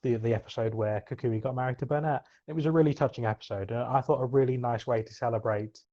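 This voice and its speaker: A man co-hosting a podcast chat, hesitant and full of ums but warmly enthusiastic. His mid-pitched voice comes through a slightly dull, lo-fi microphone. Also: fast talker. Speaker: podcast co-host.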